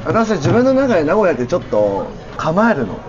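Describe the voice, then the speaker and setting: A man's voice: a little high, huge pitch swings, a little fast. A young man hosting a casual chat over drinks in a campy, effeminate way of talking. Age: young adult. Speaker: video host. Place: restaurant table, indoors. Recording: dull sound, restaurant chatter.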